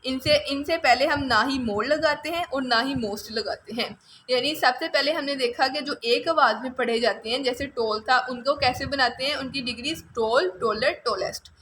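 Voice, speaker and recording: Woman, Pakistani accent, grammar teacher, high bright voice, faint hiss behind. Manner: explanatory, repeats examples slowly, drills word lists. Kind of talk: exam-prep grammar lecture.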